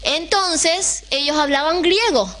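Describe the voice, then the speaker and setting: A woman's voice: extremely high pitch, slow, fairly bright tone. A woman teaching a Bible lesson to a class, often putting questions to the room and checking that they follow. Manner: keeps asking the class questions, checks in with "right?".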